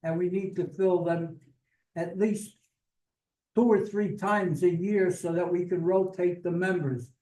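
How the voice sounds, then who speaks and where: A man with an American accent delivers a vice commander's report, halting now and then with fillers. His voice sits high but mellow in tone. He is picked up from far off in an echoey meeting hall. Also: fairly even intonation.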